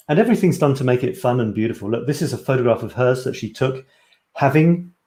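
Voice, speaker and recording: A Scottish photography coach presents his course on a live stream, eager and chatty, often correcting himself mid-sentence. His mellow voice sits in the mid-range, and the room is echoey.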